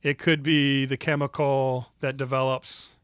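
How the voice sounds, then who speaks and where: A man's voice: medium pitch, little pitch movement, measured pace, clean tone, no echo, clean studio sound. A man co-hosting a podcast, chatting casually about a film, retelling the plot with asides and laughs. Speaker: podcast co-host.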